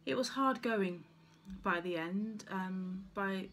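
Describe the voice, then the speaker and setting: A woman's voice: mid-range voice, takes it slowly, a bit bright, a little hiss or hum. A woman vlogger chatting casually about her crafts, rambling and correcting herself as she thinks aloud. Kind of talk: casual chat to camera about stitching.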